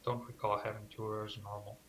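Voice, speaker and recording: A man chatting casually about video games in a relaxed, teasing way. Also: fairly low pitch, fairly quick, low-quality recording. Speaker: co-host. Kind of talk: casual gaming chat.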